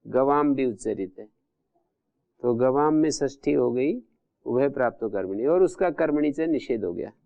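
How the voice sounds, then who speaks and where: A man delivers a classroom grammar lecture in a fairly high, gravelly voice that stays smooth and resonant. He works through each rule methodically, repeating terms and explaining them one by one. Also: phone-quality sound. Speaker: Sanskrit grammar teacher.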